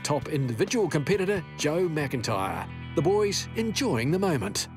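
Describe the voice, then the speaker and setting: A male narrator with a New Zealand accent delivers scripted sports highlights. His pitch is a little high and moves around in a lively way, with music clearly behind him. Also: normal speed.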